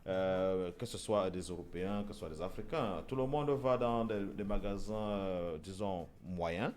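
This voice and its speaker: A man's voice: low-pitched, measured pace, a little mellow, a little hiss or hum. A man hosting a casual discussion show, talking with frequent fillers, repeated words and restarts. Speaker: show host.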